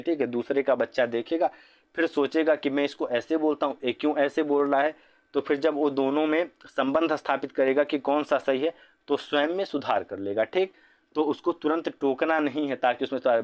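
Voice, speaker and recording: A man teaching an exam-prep lesson on language teaching, explaining each answer option and often checking in with "ठीक है". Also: medium pitch. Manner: explanatory, repeats points with "ठीक है".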